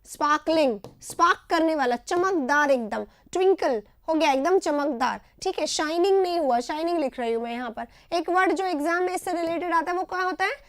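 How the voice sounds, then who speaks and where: A woman's voice: extremely high pitch, animated, brisk, hardly any pauses, dry recording, clean studio sound. A woman with an Indian accent teaching English vocabulary in a live online class, explaining each word in short repeated phrases and often checking with "right?".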